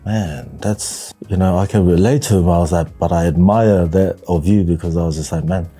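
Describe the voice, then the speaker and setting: Husky, low-voiced New man. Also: steady tone, mellow, soft background music. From New Zealand, raised partly in Tonga. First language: Tongan. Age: 40s. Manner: hesitant, reflective, many pauses and fillers. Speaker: podcast guest. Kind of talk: casual interview chat.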